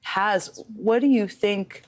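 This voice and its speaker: A woman news anchor narrating a report and interviewing guests, emotional and halting at times. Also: mid-range voice. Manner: emotional, halting with repeated starts.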